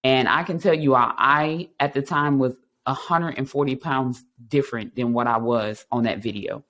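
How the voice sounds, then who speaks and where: Man, 30s, podcast host, earnest, reflective, mid-pitched voice, many ums and restarts, personal testimony. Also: moderate pace, bright, forceful tone.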